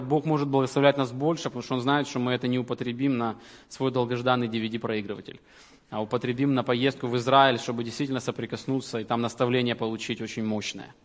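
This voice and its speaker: A man giving announcements to his congregation as the leader of a church Bible school, earnest and halting, often restarting his sentences. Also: mid-range voice. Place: church hall. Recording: reverberant hall.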